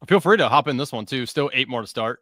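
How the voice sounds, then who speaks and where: A man hosts a live stream, reading viewer comments aloud and filling pauses with "uh"s. His voice is bright and forward at a middle pitch. The recording is close and dry. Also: animated, no room sound. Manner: reads chat aloud, filler-heavy, laughs often. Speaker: podcast host. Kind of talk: casual live-stream banter.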